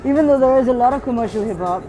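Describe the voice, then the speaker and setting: A woman's voice: a little high, rapid-fire, warm tone, poor audio. Reflective woman in her thirties over music. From Switzerland. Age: 30s. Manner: reflective, thinks aloud with small restarts. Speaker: graffiti artist. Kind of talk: documentary interview. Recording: hip-hop music playing underneath.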